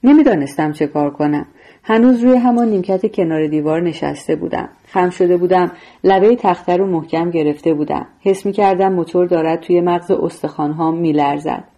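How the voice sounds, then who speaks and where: Mellow-voiced woman reading a story. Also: on the low side. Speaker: audiobook narrator. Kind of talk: scripted storytelling narration.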